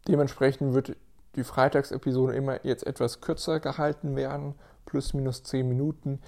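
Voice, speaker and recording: German guy, fitness podcast host, mellow low-key tone, talks right at you, keeps restarting sentences. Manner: earnest, motivational, addresses listener directly, many restarts. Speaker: podcast host, personal trainer and physiotherapist. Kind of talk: casual solo podcast monologue.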